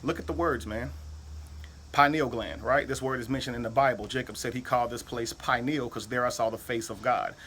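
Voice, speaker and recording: A man's voice: mid-range voice, fairly even intonation, a little fast, a bit bright, a little hiss or hum. A man giving an emphatic lecture-style monologue, spelling words out letter by letter and asking "right?" often. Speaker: video speaker.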